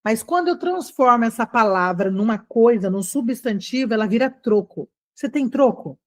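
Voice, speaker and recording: A middle-aged woman teaching an English lesson in a chatty, encouraging way, slowing down to model phrases. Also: a little high, lively intonation. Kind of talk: casual online English lesson.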